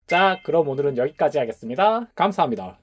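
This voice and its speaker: A man hosting a casual collection review in a polite, explanatory way. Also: a little high. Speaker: YouTube host.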